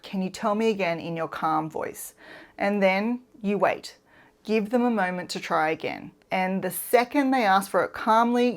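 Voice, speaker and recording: A woman talks straight to the viewer in her thirties' easy, measured way. She explains parenting steps calmly and clearly, like a patient teacher walking parents through a plan. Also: mid-range voice. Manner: calm, clear, instructive. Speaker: parenting educator. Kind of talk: explainer video to camera.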